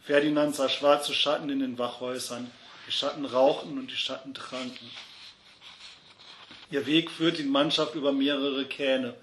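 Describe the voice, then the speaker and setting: A man reads a story aloud with a bright, forward voice. The recording carries noticeable room echo with a faint hum of background noise underneath. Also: mid-range voice, steady tone, moderate pace. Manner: shouts the characters' angry lines. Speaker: reader. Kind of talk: reading fiction aloud.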